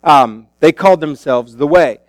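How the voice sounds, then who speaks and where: A man's voice: fairly high pitch, normal speed, no echo. A male pastor preaching a sermon into a pulpit microphone in a church, in a casual, conversational way with many fillers and restarts. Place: church sanctuary.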